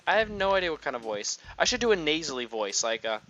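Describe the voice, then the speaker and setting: A man's voice: a little high, sing-song, quick pace, sharp tone, a little hiss or hum. A man giving casual, chatty gameplay commentary, thinking aloud. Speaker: gaming video creator. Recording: slightly muffled lo-fi recording.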